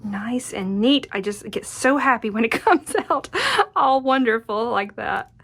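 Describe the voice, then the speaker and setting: A woman's voice: on the high side, a little slow, vocal fry, a bit bright. A woman giving a casual hands-on craft tutorial, chatty and murmuring encouragement to herself as she works. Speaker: quilting tutorial host. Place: indoors at a craft worktable.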